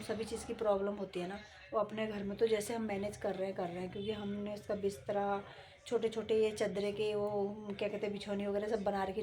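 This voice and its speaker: A middle-aged woman vlogger talking casually and at length, with rambling, conversational storytelling and frequent throat clearing. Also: mid-range voice, a little hiss or hum. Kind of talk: casual chat.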